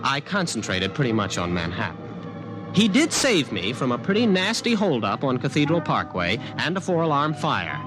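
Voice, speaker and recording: In a vintage 1950s radio drama recording with music, a young man plays a skeptical college student. His medium-pitched voice swings widely in pitch at a moderate pace, and he narrates in a casual, wry way with hesitant questions. The recording quality is rough.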